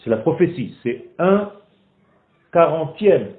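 A man teaching a group in a lively, questioning way, teasing his listeners. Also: fairly high pitch, slow. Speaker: Torah teacher. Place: classroom in Israel. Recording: echoey room on a tinny phone-like recording.

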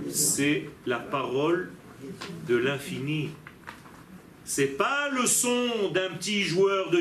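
A man's voice: sits high, a bit bright, slight background noise. A man teaching a religious lesson as a rabbi, emphatic and posing rhetorical questions to his listeners. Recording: echoey room.

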